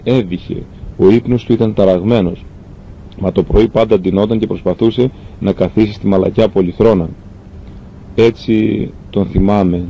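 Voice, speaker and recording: A man reading a classic novel aloud, telling the story calmly and earnestly with the odd stumble. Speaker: reader. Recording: dull lo-fi recording with faint rumble.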